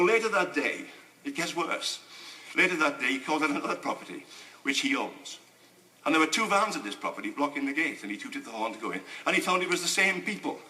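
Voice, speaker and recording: A man giving an indignant, emphatic parliamentary speech in a debating chamber, with halting restarts. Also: a little high, sharp tone. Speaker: member of parliament. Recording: echoey chamber.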